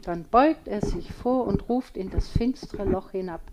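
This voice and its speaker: A woman reading a children's story aloud with slow, expressive storytelling. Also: mid-range voice, background noise. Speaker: audiobook reader.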